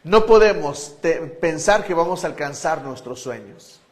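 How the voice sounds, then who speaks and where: Predicador enfático de voz algo aguda. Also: male voice, on the high side, expressive, a little slow. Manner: emphatic preaching, swinging from loud to hushed. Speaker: pastor. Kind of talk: sermon. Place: church.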